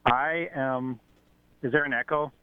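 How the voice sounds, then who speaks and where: A man's voice: mid-range voice, steady tone, smooth. Man on a warbly fishbowl phone line. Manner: halting, searching for words. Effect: warbling, echoey phone line, like talking inside a fishbowl. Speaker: call-in guest. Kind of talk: casual radio chat.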